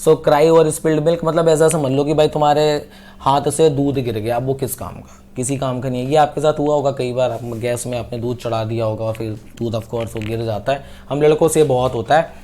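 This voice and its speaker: A young man teaching English idioms in a casual online coaching lesson, chatting with viewers and slowing down to read example sentences. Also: medium pitch, fairly even intonation, dark tone. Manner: chatty, addresses viewers as bhai sahab, slow when reading English examples.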